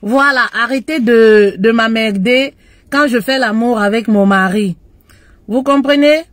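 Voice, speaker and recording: A woman's voice: fairly high pitch, unhurried, no echo. A woman relationship coach chatting playfully on a casual live stream, often singing along to the music.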